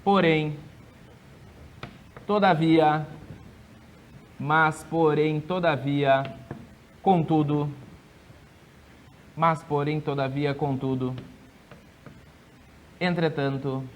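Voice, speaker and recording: A man teaching a grammar lesson for an exam, drilling rules with quick yes-or-no questions and drawing out key words slowly. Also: a little high, fairly even intonation, a little hiss or hum.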